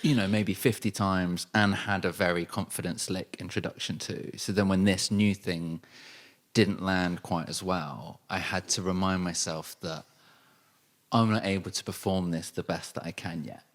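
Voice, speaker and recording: Host, man, very low voice, thoughtful conversational poet. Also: steady tone, moderate pace. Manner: thoughtful, searching, reflective phrasing. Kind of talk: casual conversational interview.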